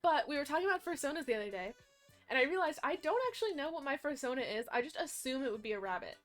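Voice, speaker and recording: A young woman, chatting casually and rambling with her stream audience, animated and often correcting herself. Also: sits high, very fast, soft background music.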